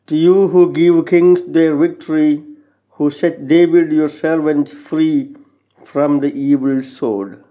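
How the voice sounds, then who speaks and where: A man reads scripture at a chapel lectern in a formal, measured recitation. His voice is slightly high and mellow, and he takes his time over each solemn phrase. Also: fairly even intonation. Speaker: lector at Mass. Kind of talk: solemn scripture and psalm reading. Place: small chapel, indoors. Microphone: gooseneck lectern microphone.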